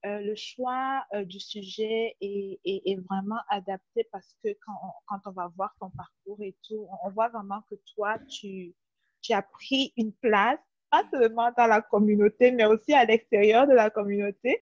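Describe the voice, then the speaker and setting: A woman's voice: mid-range voice, steady tone, moderate pace, a little mellow, no echo. Hesitant woman host on a headset. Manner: hesitant, repeating words, with encouraging interjections. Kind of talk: video call interview. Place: small room at home. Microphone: headset on a video call. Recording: dry, dull call audio.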